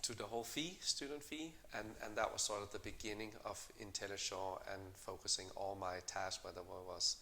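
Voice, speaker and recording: Middle-aged male founder, low bright voice, halting interview answers. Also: fairly even intonation, slight background noise. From Denmark. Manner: measured, many fillers and restarts. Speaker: company co-founder and CEO.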